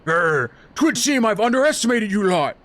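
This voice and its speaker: A man's voice: sits high, very animated, normal speed, a bit bright, voice pushed up. A man voicing a grumpy, pompous old sorcerer with theatrical, archaic phrasing, as if reading a game's dialogue aloud. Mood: grumpy, pained.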